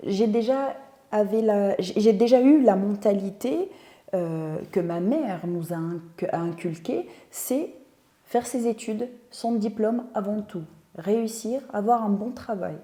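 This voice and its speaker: A woman's voice: mid-range voice, unhurried, warm tone. A woman, a guest telling her story in a casual interview, thoughtful and searching for words. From Tunisia. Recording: roomy echo.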